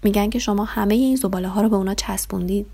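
A woman's voice: mid-range voice, fairly even intonation, creaky, mellow, breathy edge. A woman voicing a stern police officer in a children's story, slightly raised.

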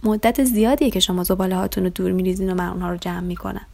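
A woman's voice: lowish voice, steady tone, vocal fry, warm tone. A woman reading the lines of a weary, kind old man in a children's story, close to her own voice. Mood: reproachful.

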